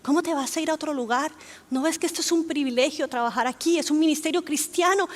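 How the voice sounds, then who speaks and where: High-voiced woman preaching with stories. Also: fast. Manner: lively storytelling, acts out dialogue. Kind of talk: sermon with personal testimony.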